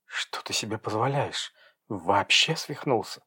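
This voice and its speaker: A man reading an audiobook, voicing a distraught, defiant young woman in a shrill, agitated tone. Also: expressive, a little slow. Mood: indignant. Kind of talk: audiobook character voice.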